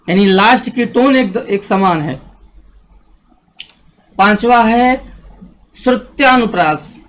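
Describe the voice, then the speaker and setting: A male grammar teacher giving a classroom lecture, explaining slowly, repeating each rule and checking that students follow. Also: high-pitched, fairly bright tone.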